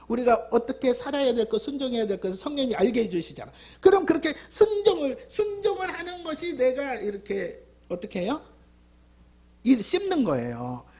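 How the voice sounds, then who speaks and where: A woman's voice: on the high side, darkish tone, husky. A woman pastor preaching a sermon in a church, repeating key words and asking the congregation rhetorical questions.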